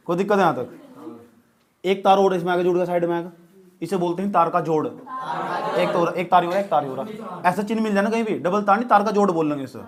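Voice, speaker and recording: A man's voice: high-pitched, quick pace, pauses often. A young man teaching a classroom physics lesson, joking and teasing his students as he explains. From India. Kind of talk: classroom lecture.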